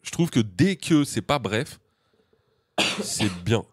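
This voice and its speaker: A man's voice: mid-range voice, very animated, takes it slowly, slightly rough, dry recording, studio quality. A man co-hosting a podcast from France, chatting casually in a slangy, joking way with strong opinions. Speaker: podcast co-host. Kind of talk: casual chat.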